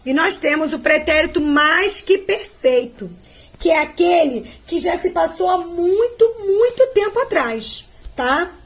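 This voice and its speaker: A woman with a high voice and a Brazilian accent teaches grammar to young pupils. She speaks slowly and patiently and stretches each verb form as she drills it. She keeps checking in with a short "tá?". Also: animated. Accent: Brazilian Portuguese. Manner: ends phrases with a checking "tá?". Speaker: primary school teacher. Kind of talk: grammar lesson to children.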